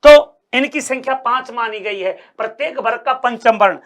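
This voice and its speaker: High, bright-voiced male grammar teacher. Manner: repeats phrases and asks the class questions; sounds out letters slowly to demonstrate. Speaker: coaching teacher. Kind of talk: Hindi grammar lecture.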